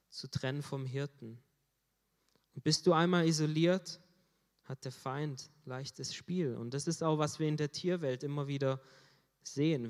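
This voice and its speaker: A man preaching a sermon in an earnest way, rising in force on key phrases. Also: a little high. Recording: long hall reverb.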